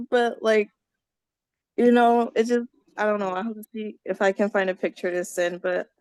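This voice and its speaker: A woman's voice: medium pitch, flat delivery, normal speed, a little mellow, smooth, dry recording. A woman co-hosting a casual online gathering, rambling and searching for words over a video call. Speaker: gathering co-host.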